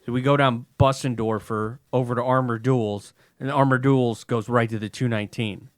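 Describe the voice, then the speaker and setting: A man's voice: mid-range voice, steady tone, moderate pace, dry recording, clean studio sound. A man, co-hosting a podcast, rambling through directions and teasing his friend in exasperation. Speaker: podcast co-host. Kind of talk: casual chat.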